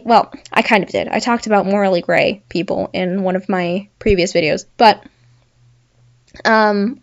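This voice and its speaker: A woman's voice: medium pitch, darkish tone. Chatty young woman, lo-fi mic. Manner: chatty, laughs at her own examples. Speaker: podcast host. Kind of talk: casual solo commentary.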